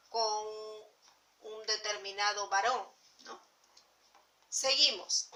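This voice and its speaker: A woman teacher walks through a grammar lesson at an unhurried pace and repeats her key points. Her voice sits high and sounds bright. She keeps checking in with short tag questions. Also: poor audio. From Peru. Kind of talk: explaining grammar slides to students.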